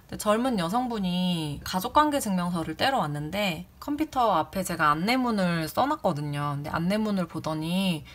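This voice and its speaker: A woman's voice: lowish voice, animated, normal speed, hardly any pauses. A woman who used to work as a community office clerk tells a story about a rude visitor in a casual way. She sounds indignant and acts out the people she quotes in raised voices.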